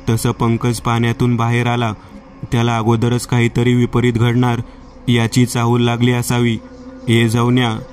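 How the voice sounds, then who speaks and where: A male storyteller reading a horror tale in a steady, unbroken delivery. His voice sits at a middling pitch and stays remarkably flat, with almost no melody. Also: a little hiss or hum.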